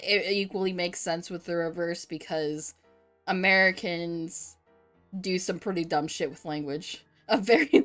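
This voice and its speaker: A woman streamer chatting casually with her viewers, reading chat aloud, joking and laughing often. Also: lowish voice.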